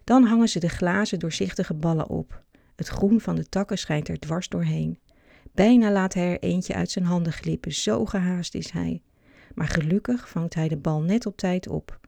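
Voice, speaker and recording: Storybook narrator, calm, steady reading, gravelly, dry close sound. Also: mid-range voice, normal speed, dry recording.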